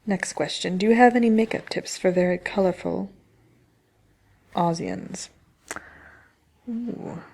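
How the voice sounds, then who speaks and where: Wicked witch, played by a woman: gravelly, slightly low, dry self-importance and sly mischief, hosting an ASMR chat show. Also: slow pace, pauses often, mellow, exaggerated voice. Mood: playfully haughty. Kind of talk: in-character ASMR question-and-answer chat.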